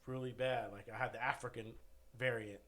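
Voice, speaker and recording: A man's voice: mid-range voice, steady tone, fairly quick, a bit bright. A man chatting casually on a podcast, telling a long, rambling story and saying "dude" a lot, while still recovering from an illness. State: recovering from covid, still short of breath. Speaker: guest.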